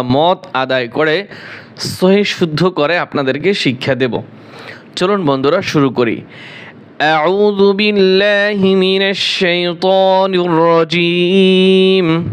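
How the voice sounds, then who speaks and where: Man teaching Quran recitation. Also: a little high. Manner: explains briskly, then recites slowly in a drawn-out chant. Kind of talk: spelling out and chanting verses in a lesson.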